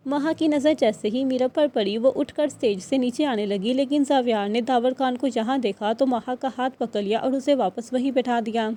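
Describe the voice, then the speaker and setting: A woman narrating an audiobook novel in a steady, even reading voice, speaking every character's lines herself. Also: a little high, few pauses.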